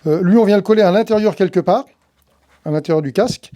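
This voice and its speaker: Talking fast in a high, mellow voice, a tree-work pro hosts a hands-on tutorial, chatting through every step and thinking aloud as he handles the equipment.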